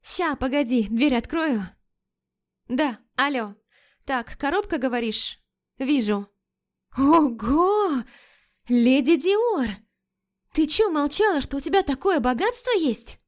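Pushing her voice up high, a woman plays a brash, flighty young friend who is chatty and cheeky, talks in slang and takes offense easily.

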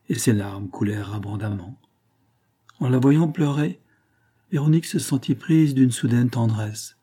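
A man narrating a novel as an audiobook, in a steady, measured storytelling manner. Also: mid-range voice, breathy edge.

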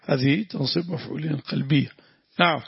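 A man's voice: fairly high pitch, fairly even intonation, brisk, vocal fry, slightly rough, no room sound, highs cut off. A man, teaching a religious lesson, explaining grammar and breaking into prayers. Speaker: sheikh teaching tafsir.

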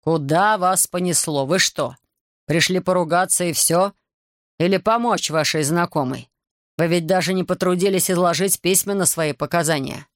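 A man's voice: high-pitched, moderate pace, fairly bright tone, no room sound, studio quality. A man reading the lines of an indignant male investigator who argues defensively and later turns weary and sympathetic. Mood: weary, sincere. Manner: offended, argumentative, later weary.

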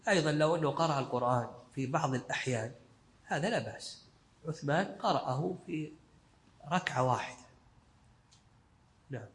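A man's voice: fairly high pitch, brisk, pauses often. A male sheikh giving a scholarly lesson commentary, explaining in short, repeated phrases. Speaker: sheikh teaching a fiqh text.

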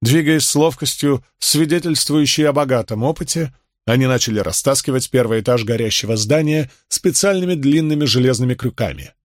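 A man narrates a historical novel in a steady storytelling manner. His voice sits in a middle pitch. The studio sound is dry and close, with no room echo. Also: a little fast. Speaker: audiobook narrator.

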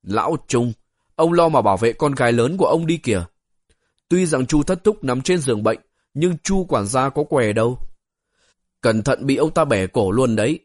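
A man's voice: mid-range voice, expressive, normal speed, a little mellow, no echo, clean studio sound, natural voice. A man voicing a grumbling, teasing old male wanderer in an audiobook, with blunt, needling retorts. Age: older.

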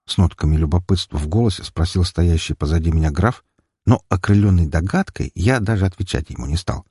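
A man narrating an audiobook in the first person with expressive, lively storytelling. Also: low-pitched, fairly quick, breathy edge, no room sound, clean studio sound.

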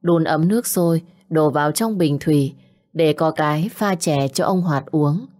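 A woman narrating a village tale in a slow, measured, dramatic storytelling manner. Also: deep voice, a little mellow. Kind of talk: scripted audio story narration. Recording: faint background music.

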